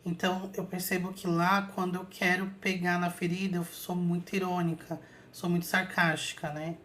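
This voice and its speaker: A woman's voice: on the low side, little pitch movement, normal speed, fairly bright tone, a little hiss or hum. A woman hosting her own channel, chatting casually to viewers as she retells an experience with lots of fillers. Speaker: channel host telling an astral projection story.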